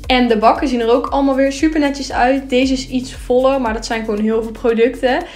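A woman's voice: sits high, steady tone, brisk, darkish tone, soft background music. A young woman narrating a clean-with-me vlog in a chatty, upbeat voice-over with casual filler words. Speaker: vlogger.

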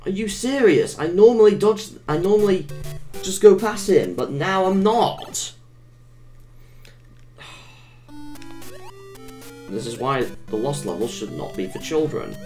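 A woman's voice: lowish voice, sing-song, moderate pace, warm tone. A woman giving casual, rambling gameplay commentary, easily frustrated and crying out at every setback. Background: game music.

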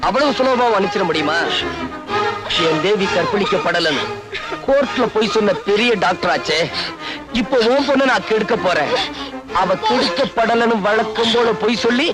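A man's voice: sits high, animated, moderate pace. A taunting, vengeful man. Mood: menacing. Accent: Tamil. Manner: taunting, menacing. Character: vengeful, menacing young man. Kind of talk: Tamil film dialogue. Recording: film soundtrack with music.

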